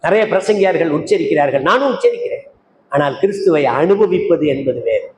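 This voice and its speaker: A man's voice: on the high side, lively intonation, brisk, darkish tone. An older man preaching a sermon as an evangelist, firing rhetorical questions at the congregation and calling out to listeners by name. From Tamil Nadu, India. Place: church meeting hall. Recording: echoey hall with faint noise.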